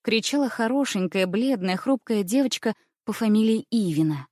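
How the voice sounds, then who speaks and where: A woman narrating a children's story in an even, measured reading voice. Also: on the high side, no echo, studio quality.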